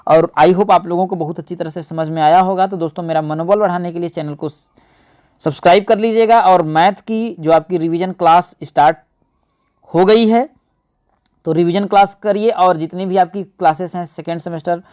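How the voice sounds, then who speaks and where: A man's voice: sits high, steady tone, normal speed, a little mellow, clear, resonant tone. A man teaching an exam-prep lesson, often asking and answering his own questions and calling his viewers friends.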